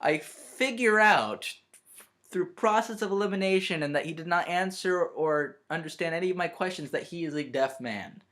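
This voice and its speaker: A young man, a college student vlogging from his bedroom, telling a story in a rambling, self-interrupting, animated way. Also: fairly high pitch, normal speed. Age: young adult. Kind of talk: storytelling vlog.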